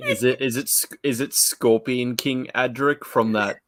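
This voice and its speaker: A man co-hosting a casual panel chat, giving opinions in halting speech full of fillers. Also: medium pitch, fairly even intonation, a bit bright, dry recording. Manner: hesitant, filler-heavy, opinionated. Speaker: podcast co-host.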